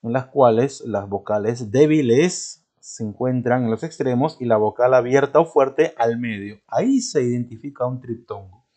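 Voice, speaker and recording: A man's voice: medium pitch, normal speed, warm tone. A man teaching a grammar lesson step by step. He asks questions and answers them himself, and often checks in with short tag questions. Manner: explains step by step, asking and answering his own questions; points to something he is showing as he talks. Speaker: language teacher.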